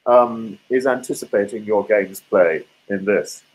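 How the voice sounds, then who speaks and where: A man on a video call, talking in a halting way with many repeated words, his voice cutting in and out over a bad connection. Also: on the low side, husky, rough recording. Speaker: guest. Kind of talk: casual chat on a video podcast.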